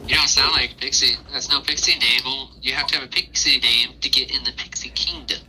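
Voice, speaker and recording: A man's voice: mid-range voice, steady tone, a little fast, sharp tone, slight background noise, low-quality recording. A man voicing a cute, officious little male pixie gatekeeper in a tabletop game, with a fussy, haughty manner.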